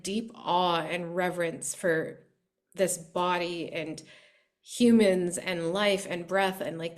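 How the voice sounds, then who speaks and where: A young adult woman hosting a podcast, sharing a personal story earnestly and reflectively, with many fillers. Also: medium pitch. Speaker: podcast host. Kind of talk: heartfelt conversation.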